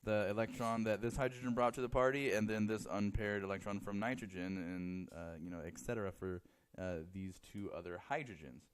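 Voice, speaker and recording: A man's voice: fairly low pitch, fairly even intonation, fairly quick, clear, resonant tone. A man teaching chemistry in a classroom, joking with students and counting aloud as he draws. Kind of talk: classroom lecture.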